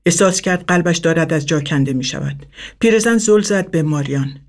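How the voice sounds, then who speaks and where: A man reading a story aloud in a calm, even narration. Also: a little high.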